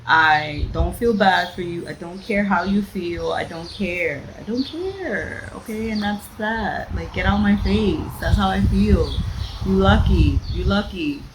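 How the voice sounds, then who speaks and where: Speaking unhurriedly with a medium-pitched, animated voice, this Bronx-born book vlogger goes on a sassy rant in her casual reading vlog. She's blunt and hammers her points by repeating phrases, all captured in a noisy home recording.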